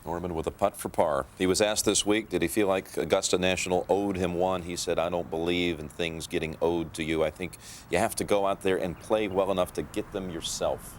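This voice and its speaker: A man anchoring live golf commentary in an understated, measured way. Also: deep voice, steady tone. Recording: outdoor broadcast, faint background noise.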